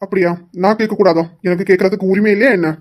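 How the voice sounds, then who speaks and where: A woman's voice: mid-range voice, steady tone, a little mellow, close to an everyday voice. A woman voicing a young husband who teases his wife and insists on going along with her. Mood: teasing. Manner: mock-sweet teasing, drawn-out pleading. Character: young husband, teasing and stubborn.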